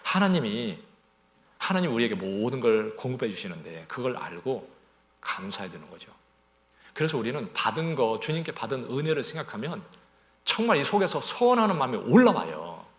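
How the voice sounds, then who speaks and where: A man's voice: medium pitch, very animated, a little fast, fairly bright tone. A male pastor preaching a Sunday sermon, asking the congregation rhetorical questions as he goes.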